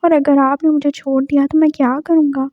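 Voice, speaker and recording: A shy, tearful young man , as a woman storyteller puts him on, begs in a soft, anxious voice. The pitch sits high, and the recording is dry and a little dull. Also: flat delivery, brisk, no echo, lightly acted. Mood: pleading.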